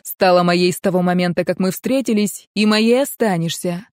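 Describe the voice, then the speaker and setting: A woman's voice: fairly low pitch, normal speed, no room sound, clean studio sound, close to an everyday voice. Woman reading a hot-tempered, stubborn laird. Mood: angry. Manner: forceful, raised, commanding. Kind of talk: audiobook character reading.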